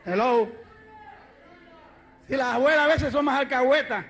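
A man preaching a testimony sermon, fervent, moving from quiet storytelling to shouted praise. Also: extremely high pitch, measured pace, some chatter behind. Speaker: evangelist preacher.

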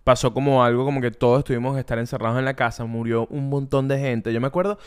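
A young man co-hosting a podcast in casual, animated chat. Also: medium pitch, fast talker, smooth. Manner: animated, acts out voices and laughs often. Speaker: podcast co-host.

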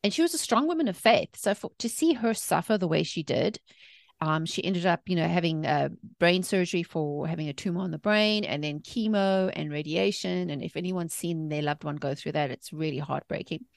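This podcast guest, a South African mindset coach and author in her forties, has a fairly low, brisk voice with vocal fry. She tells personal stories in a chatty, emphatic interview style, captured in studio quality without echo.

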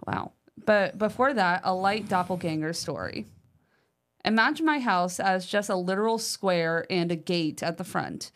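A woman whose voice sits on the low side co-hosts a paranormal podcast, talking a bit slowly. She chats in a relaxed way, saying "um" and "like," and gives a listener's letter a lively, emphatic reading.

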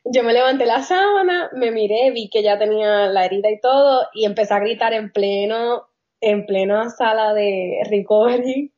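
Woman, casual storytelling, animated, slips into English, dull lo-fi sound. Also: a little high, moderate pace. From Puerto Rico. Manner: animated, laughs often, mixes in English phrases. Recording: dull lo-fi audio.

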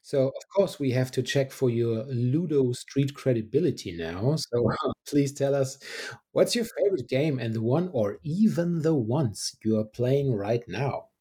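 Lively, husky-voiced male podcast host. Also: medium pitch, a little slow. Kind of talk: reading an introduction, then interviewing.

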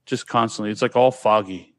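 This Californian man in his forties tells childhood stories in a casual, slangy chat, tossing out "dude" and "bro." His voice is on the low side with fairly even intonation and a brisk pace. There's no echo.

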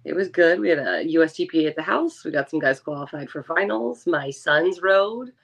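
A woman with a moderately low voice co-hosts a podcast. She chats casually, with informal, laid-back wording, in the style of an everyday conversation. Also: animated, fairly quick, gravelly. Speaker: podcast co-host. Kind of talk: casual chat.

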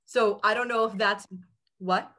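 A twenty-five-year-old woman, a podcast guest in casual chat, animated and self-mocking with quick asides. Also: mid-range voice.

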